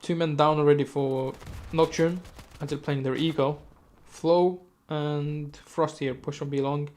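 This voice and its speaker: A man casting a live esports match, giving quick play-by-play with chatty asides and self-corrections. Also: fairly high pitch. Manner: rapid, self-correcting, chatty asides, sudden excited outbursts. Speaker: esports caster.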